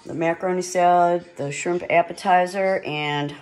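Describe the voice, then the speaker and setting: A woman grills outdoors on a lakeside deck, holding up her phone to film a casual cooking vlog as she chats and drifts into asides without hurry. Her lowish voice is a little mellow, with fairly even intonation, though the audio is poor.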